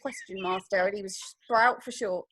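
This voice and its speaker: A woman chatting casually on a group video call, excitable and quick to laugh. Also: mid-range voice, slightly rough, no room sound, poor audio.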